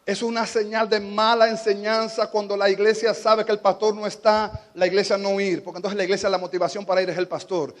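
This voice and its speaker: A man with a Dominican Spanish accent preaching a sermon as a pastor, moving between quiet teaching and fervent, shouted exhortation. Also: sits high, little pitch movement, brisk, hardly any pauses, long reverb tail.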